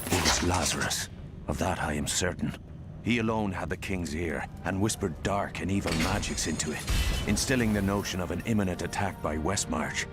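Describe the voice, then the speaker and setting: An actor playing a grim, sorrowful knight, narrating solemnly and bitterly in a fantasy game. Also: male voice, deep voice, normal speed, over loud music, natural voice. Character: grim, sorrowful knight recounting his mad king's fall. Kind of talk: scripted dramatic game narration.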